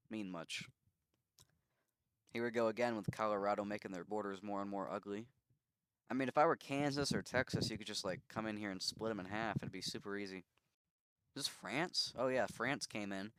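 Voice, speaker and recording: A man's voice: lowish voice, fairly bright tone, smooth, dry recording. A man giving casual commentary on a strategy game simulation, musing and thinking aloud with easy asides.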